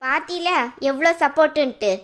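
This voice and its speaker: Woman voicing a very high, scornful young woman. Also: steady tone, normal speed, lightly acted. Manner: scornful, quarrelsome. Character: sharp-tongued young woman accusing her in-law. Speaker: cartoon voice actor. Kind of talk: Tamil cartoon drama dialogue.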